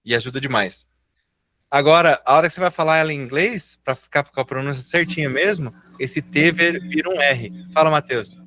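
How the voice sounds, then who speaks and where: A Brazilian man with a slightly high voice teaches in a live class, patient and encouraging. He stretches the words he is showing into slow, careful sounds. His voice is dry and close to the mic. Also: sharp tone, no echo. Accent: Brazilian Portuguese. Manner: encouraging, patient, slowly drawls out example words. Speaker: English teacher.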